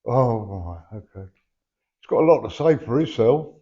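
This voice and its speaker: Speaking at normal speed in a medium-pitched voice with lively intonation, a medium delivers a reading to a sitter at a live event. He's blunt and chatty, keeps asking "yeah?", and his words come out slightly slurred since he has no teeth. The recording sounds dull and lo-fi.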